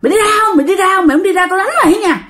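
A woman's voice: very high-pitched, very fast, a bit bright, pitched above the performer's own voice. A woman voicing an old male ghost who angrily scolds and threatens another spirit. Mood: scolding.

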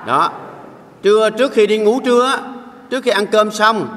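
A man's voice: high-pitched, lively intonation, moderate pace, fairly bright tone, slight background noise. A man, a Buddhist monk, giving a jocular sermon and often asking the audience to agree. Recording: reverberant hall sound.

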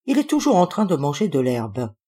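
Woman reading a story calmly. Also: low-pitched, moderate pace, husky. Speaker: audiobook reader. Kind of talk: first-person storytelling narration.

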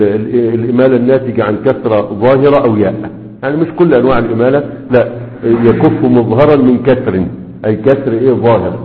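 A man's voice: mid-range voice, echoey room, long reverb tail, phone-quality sound. A man with an Egyptian accent teaching a grammar lesson, checking in with his students again and again as he explains. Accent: Egyptian Arabic. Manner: checks in with students often, repeating questions. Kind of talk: classroom lecture.

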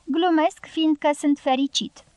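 A calm, good-humoured foreign fighter who muses quietly, voiced by a woman. The voice stays high. The recording is dry and close. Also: no room sound, lightly acted.

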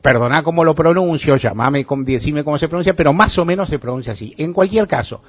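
A man's voice: fairly high pitch, fast talker, husky, faint music behind. A man hosting a radio talk show in Argentine Spanish, musing in a wry, ironic way and chuckling as he talks. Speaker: radio host. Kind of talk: casual radio monologue.

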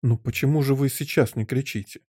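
A man's voice: medium pitch, brisk, darkish tone, slightly rough, no echo, lightly acted. A man voicing a little girl, earnest, questioning, audiobook character, dry close sound. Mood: anxious. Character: polite, curious little girl, seven and a half.

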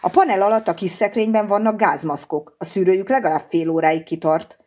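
A woman's voice: medium pitch, fairly even intonation, darkish tone, lightly acted. A woman reading an audiobook and voicing a weakened male scientist who talks in a strained, urgent way.

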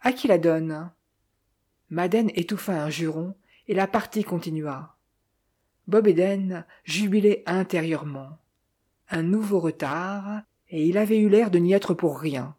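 An audiobook narrator reading a detective novel in a measured, steady way. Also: medium pitch, breathy edge.

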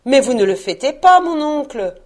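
A woman's voice: sits high, very animated, normal speed, darkish tone, voice pushed up. Lady reading an upbeat earnest young guy, pleading, voice rising and falling a lot. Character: cheerful, earnest young man, warm-hearted nephew.

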